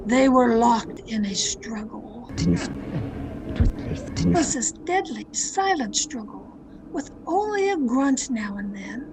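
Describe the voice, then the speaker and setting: Acting in the style of a 1940s radio suspense show, a woman with a slightly high voice plays a thrill-seeking young woman recounting her own murder story in scripted first person. Her delivery is slow yet very animated, heavily performed, breathless, excited and suspenseful. It's a radio play recorded over a video call, with dramatic music and background noise underneath.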